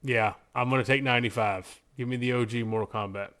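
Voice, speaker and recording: Co-hosting a podcast, a man chats casually while picking movies in a bracket game, using informal, slangy, emphatic language. His medium-pitched voice is a bit bright, with fairly even intonation and a quick pace.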